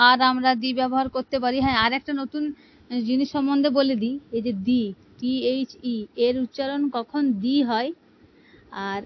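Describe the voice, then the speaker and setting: A woman's voice: on the high side, lo-fi sound, a little hiss or hum. A woman teaching an English grammar lesson, explaining patiently and asking her students rhetorical questions. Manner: patient, asks rhetorical questions, repeats "ঠিক আছে".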